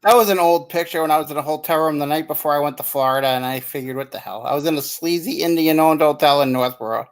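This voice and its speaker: A man's voice: a little high, fairly even intonation, quick pace, hardly any pauses, clean tone. A man on a comedy podcast who talks bluntly, telling brash stories in casual banter.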